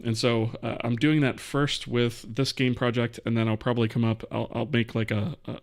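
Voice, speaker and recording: A man with a gravelly, creaky edge to his voice hosts a casual live-coding stream. He talks through his code as he goes and stops to answer viewers' questions in a relaxed way. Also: lowish voice. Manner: thinks aloud while coding, answers chat questions.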